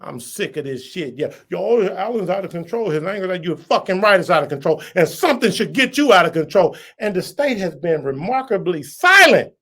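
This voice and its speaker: High-voiced man in a heated rant. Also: very animated, a little fast, few pauses. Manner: heated, insulting, repetitive tirade; swings from low mutters to loud shouts. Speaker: podcast host. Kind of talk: political rant.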